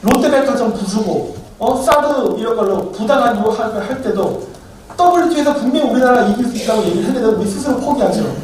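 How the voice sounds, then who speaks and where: A man's voice: extremely high pitch, animated, quick pace, a little mellow. A man giving a heated political lecture as a commentator, combative, firing off rhetorical questions one after another. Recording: very echoey room, distant mic, faint noise.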